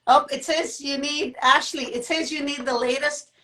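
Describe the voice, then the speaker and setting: A woman's voice: high-pitched, steady tone, normal speed, bright, forceful tone, low-quality recording. A woman co-hosting a casual live-streamed chat, talking in a chatty way with restarts and laughter. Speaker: co-host of a live talk show. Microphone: phone.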